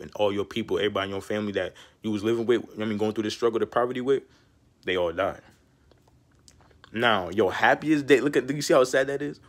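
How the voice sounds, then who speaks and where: A man's voice: lowish voice, fairly bright tone. A young man talking casually to camera, rambling and slangy, giving street-style life advice and constantly saying "bro". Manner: slangy and rambling, peppered with "bro" and "you know what I'm saying". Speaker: vlogger.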